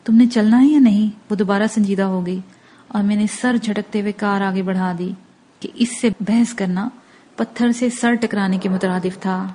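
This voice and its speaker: Lady reading a novel audiobook, steady, mellow darkish voice. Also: mid-range voice. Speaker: audiobook narrator. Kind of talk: audiobook narration.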